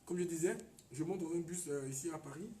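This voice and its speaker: Heard from far off in an echoey room with faint noise, this Ivorian man is a guest on a radio chat. His voice is slightly high and dark-toned, and he talks quickly, hesitating, repeating himself and sometimes emphasizing points.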